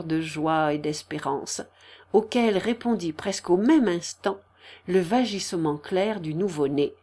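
A woman reading a classic novel aloud in a measured, expressive storytelling manner. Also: on the low side. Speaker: audiobook narrator. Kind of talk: scripted literary narration.

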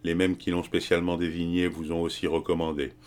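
A man's voice: low-pitched, flat delivery, brisk, darkish tone, close to an everyday voice. A man reading the part of a scheming young colonial brickmaker who speaks in an insinuating, evasive way.

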